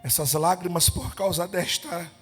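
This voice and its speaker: A male evangelist from Brazil with a Pernambuco accent, preaching a Pentecostal sermon at a prayer meeting. He shouts and chants commands and breaks into speaking in tongues. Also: high-pitched, steady tone, measured pace, slightly rough, faint music behind. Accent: Pernambuco Portuguese.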